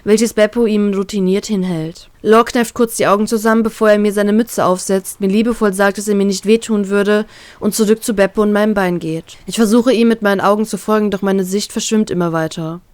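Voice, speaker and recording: A woman narrating a first-person fan-fiction story in a calm, even storytelling way. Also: mid-range voice, brisk, no echo. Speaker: reader, narrator.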